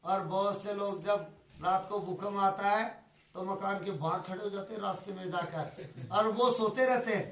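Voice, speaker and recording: A man's voice: high voice, steady tone, normal speed, fairly bright tone. A man from Rajasthan giving a devotional talk as a preacher, telling stories and acting out the dialogue. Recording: echoey from far off.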